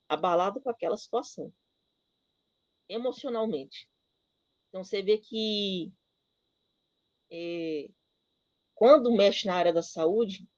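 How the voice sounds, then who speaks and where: A woman's voice: medium pitch, a little mellow, no echo, dull audio. Woman giving an emotional church testimony. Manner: emotional storytelling, halting with many fillers. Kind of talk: personal testimony in a church talk.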